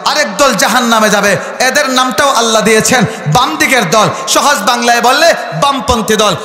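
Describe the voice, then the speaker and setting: High-voiced shouting preacher in echoing hall. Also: male voice, a little fast, soft background music. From Habiganj, Bangladesh. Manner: rhetorical, quizzing the crowd, bursts into shouting. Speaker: Islamic preacher. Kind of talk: fiery sermon at a religious gathering. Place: large religious gathering over a loudspeaker. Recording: echoey hall with long reverb.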